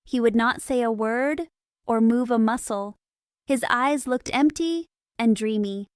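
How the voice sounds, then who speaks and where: A woman reads a storybook for English learners in a clear, steady way. Her voice is smooth and a little high. It is recorded close up in a dry, dead room. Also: a little slow, no room sound. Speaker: audiobook narrator. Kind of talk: scripted narration for English learners.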